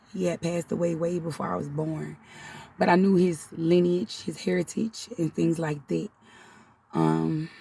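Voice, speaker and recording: A spiritual channel host in her thirties shares her life story, holding back tears and repeatedly calling her audience "y'all" in this casual, emotional vlog. She speaks on the low side with vocal fry and a darkish tone, and the distant mic picks up slight background noise.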